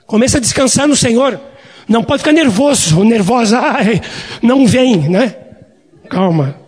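High-voiced husky pastor in a reverberant church. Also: male voice, animated, moderate pace, darkish tone. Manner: folksy storytelling, addressing the congregation as "queridos". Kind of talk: sermon.

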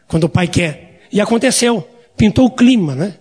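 A man's voice: sits high, animated, normal speed, a little mellow, breathy edge, in a large hall. A male pastor, preaching a sermon in a folksy storytelling way and often addressing the congregation as dear ones.

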